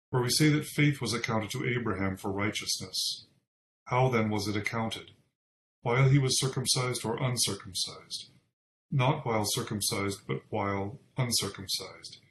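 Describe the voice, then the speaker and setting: A man reading scripture and giving liturgical responses with formal, deliberate delivery, recorded in an echoey space. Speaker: lesson reader giving responses. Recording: echoey room with rumbling background noise.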